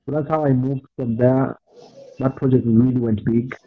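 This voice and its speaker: A man's voice: mid-range voice, fairly even intonation, normal speed. A man in his twenties from Zambia, a guest entrepreneur in a casual interview, talking unhurriedly with frequent fillers and restarts. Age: 20s. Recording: tinny phone-like call line, dry.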